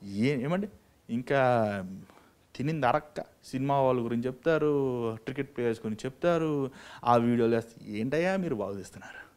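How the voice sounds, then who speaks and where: A male evangelist preaching a sermon with passion, firing rhetorical questions and swinging from low asides to loud, emphatic calls. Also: a little fast, smooth. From India. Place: church or prayer meeting.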